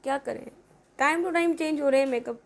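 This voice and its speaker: A woman's voice: high-pitched, moderate pace. A woman hosting a casual makeup tutorial, chatty and often checking in with "okay". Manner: chatty, repeats "theek hai" often. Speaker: makeup vlogger.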